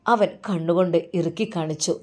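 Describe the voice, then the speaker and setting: Woman storyteller, steady narration. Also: fairly low pitch, a little fast.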